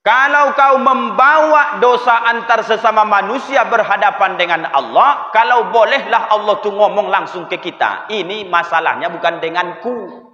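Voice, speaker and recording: A high-pitched, bright-toned preacher delivers a humorous sermon, telling stories and addressing the congregation directly. His voice carries a long reverb through a mosque hall. The recording sounds dull and muffled. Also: moderate pace, hardly any pauses. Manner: lively storytelling, addresses the audience directly. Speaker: Islamic preacher.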